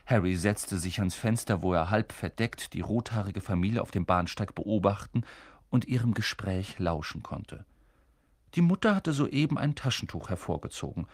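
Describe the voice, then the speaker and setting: A man reading a children's fantasy novel aloud as a lively, dramatic audiobook narrator. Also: lowish voice, normal speed, breathy edge, no echo, studio quality. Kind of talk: scripted narration.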